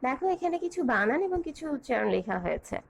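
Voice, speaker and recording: A woman teacher giving an online grammar lesson, speaking in a measured, clear way as she lists points and spells out examples. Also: high voice, sing-song, a little hiss or hum, low-quality recording.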